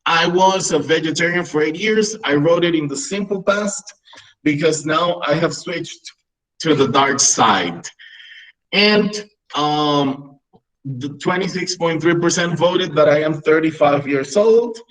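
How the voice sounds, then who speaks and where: A Peruvian man in his thirties, a native Spanish speaker, teaches a webinar for English teachers over a video call. His voice is slightly high and fairly bright, and he explains things at an unhurried pace, often checking in with "right?". The audio quality is poor.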